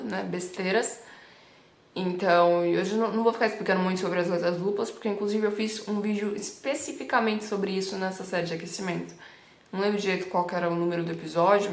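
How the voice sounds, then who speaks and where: A woman from Milan, Italy, a native Italian speaker with a Milanese accent, gives a casual online lesson in a chatty style, regularly checking in with her students by asking "tá bom?". Her voice is fairly low in pitch and sounds reverberant.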